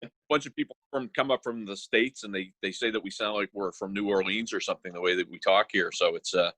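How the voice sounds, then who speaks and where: Man, slightly low bright voice, dry sound, casual interview host. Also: steady tone, fast talker, dry recording. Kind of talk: casual chat.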